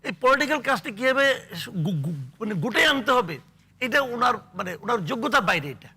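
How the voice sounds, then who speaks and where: An older man giving blunt, scornful political commentary on a talk show, with halting restarts. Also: extremely high pitch, big pitch swings, sharp tone, a little hiss or hum.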